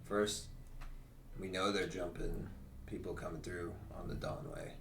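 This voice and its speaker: A man playing a tabletop game, talking casually in character and pausing mid-sentence. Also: low voice, level tone. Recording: distant, echoey, noisy room microphone.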